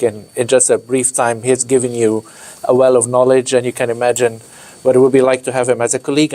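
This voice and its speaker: This is a man from Egypt, a university director, addressing visiting students in an unscripted way. He pauses and restarts often, filling gaps with small hesitations. His voice sits at an ordinary mid pitch for a man. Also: darkish tone. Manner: hesitant, many fillers and restarts. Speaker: director of a university study center. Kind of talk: informal talk to visiting students.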